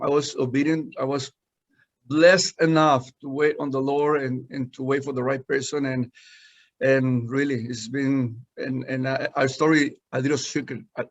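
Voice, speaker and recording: A middle-pitched man tells his faith story in earnest, with many restarts and fillers. The audio is dull and lo-fi. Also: flat delivery, moderate pace. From Guatemala. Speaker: senior pastor, guest. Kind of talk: personal testimony in conversation.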